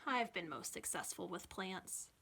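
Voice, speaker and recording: Reading a picture book to young listeners, this children's librarian uses an expressive, measured storytime delivery. Her voice is fairly low, gravelly, and slightly rough.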